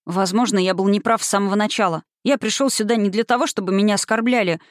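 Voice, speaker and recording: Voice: medium pitch, fairly even intonation, quick pace, no room sound, studio quality, lightly acted. A reader doing an earnest young student. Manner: earnest, resolute. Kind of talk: audiobook reading.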